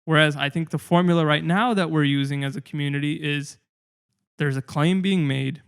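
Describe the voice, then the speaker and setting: A man's voice: fairly high pitch, moderate pace, vocal fry, smooth. A young man talking earnestly and reflectively in a casual discussion, with frequent fillers and restarts.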